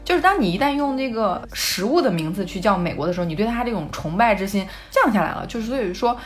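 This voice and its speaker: A young adult woman co-hosting a podcast, telling stories in a lively, emphatic way. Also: medium pitch, soft background music. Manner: animated storytelling, quick and emphatic. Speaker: podcast co-host. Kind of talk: casual podcast chat.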